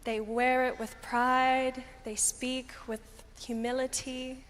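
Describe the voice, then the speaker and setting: A young woman giving a deliberate, emphatic pageant answer on stage. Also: sits high, level tone, a bit bright. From Australia. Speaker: pageant contestant. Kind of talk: prepared public answer on stage. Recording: long hall reverb, background noise.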